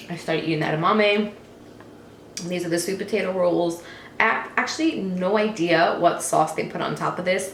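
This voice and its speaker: Chatty woman in an echoey kitchen. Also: lowish voice. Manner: chatty and relaxed, often trailing off quietly. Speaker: vlogger. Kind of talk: casual chat. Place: home kitchen. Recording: roomy kitchen echo, faint noise.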